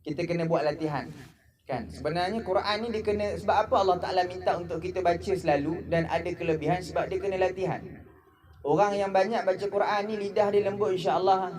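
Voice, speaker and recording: A Malaysian man giving a humorous Ramadan lecture in a mosque, telling stories and mimicking characters. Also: high voice. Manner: jokey storytelling, mimics characters. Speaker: preacher.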